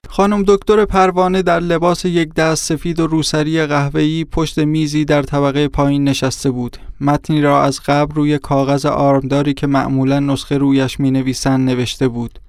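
A man reads a first-person story as an audiobook, telling it in a measured, descriptive way. His voice is smooth and resonant and sits a bit high for a man. The recording is dry and close. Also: flat delivery, no room sound. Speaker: narrator. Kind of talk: scripted audiobook narration.

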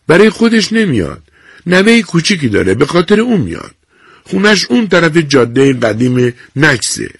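A man's voice: a little high, very animated, breathy edge, no echo, studio quality, pitched above the performer's own voice, full character voice. Man playing a curt, impatient nurse. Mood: brisk. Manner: curt, firm questioning. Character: brisk, impatient clinic nurse woman.

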